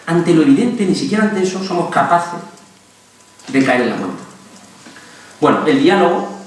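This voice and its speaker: Animated lecturing doctor in an echoey hall. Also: male voice, a little high, normal speed, distant mic, a little hiss or hum. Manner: animated, humorous, acts out quotes. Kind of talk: lively public lecture. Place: hospital auditorium.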